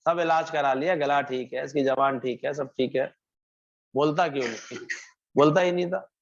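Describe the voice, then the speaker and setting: In a muffled, lo-fi recording, a man preaching at a satsang tells a devotional parable in a mid-range voice at normal speed. He acts out what the characters say and repeats phrases for emphasis.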